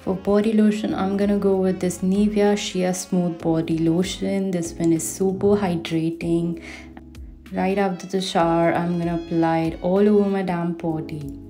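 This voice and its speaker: Her voice is lowish and warm, with little pitch movement and a normal pace. In this casual vlog voice-over, a twenty-something beauty vlogger chats eagerly about the products in her home shower and skincare routine, with faint music in the bathroom background.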